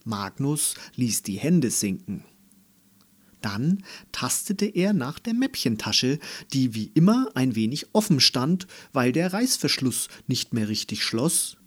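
A man reading a children's story aloud in an expressive, storytelling manner. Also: mid-range voice, husky. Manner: slow, expressive storytelling with lively intonation. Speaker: narrator.

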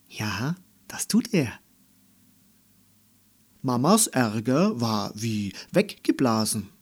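A man reading a children's story aloud in an expressive, storytelling manner. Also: lowish voice. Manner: slow, expressive storytelling with lively intonation. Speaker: narrator.

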